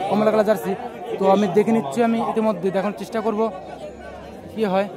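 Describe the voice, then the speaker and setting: A man's voice: high-pitched, flat delivery, quick pace. A man giving live play-by-play football commentary outdoors, often repeating his phrases. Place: outdoors at a local football ground. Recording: outdoor recording with loud crowd.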